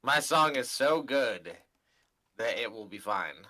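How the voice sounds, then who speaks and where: A man's voice: medium pitch, expressive, takes it slowly, pushed and bright, poor audio. Crude joking man at a game table. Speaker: player. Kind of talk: casual tabletop banter.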